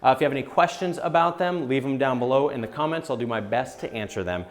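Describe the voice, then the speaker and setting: A man of ordinary middle pitch walks through a gadget hands-on as a tech reporter. He talks casually and upbeat, filling pauses with "um" and "uh" as he shows off features. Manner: chatty and upbeat, with frequent "um" and "uh". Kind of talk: casual hands-on product demo.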